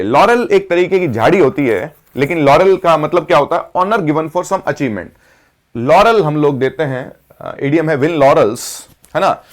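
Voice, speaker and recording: Guy teaching english words in hindi, kinda higher voice, keeps asking the class to repeat. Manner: explains each word, then repeats it as a question to the class; mixes Hindi explanation with slow English definitions. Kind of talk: explaining word meanings in Hindi.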